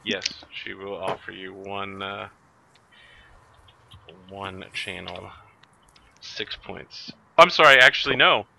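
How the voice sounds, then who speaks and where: Guy game mastering a tabletop rpg, lowish voice, really bright and forceful, slightly dull audio. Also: slow, gravelly, long pauses. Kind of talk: narrating a tabletop role-playing game. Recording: dull recording, faint noise, clicks.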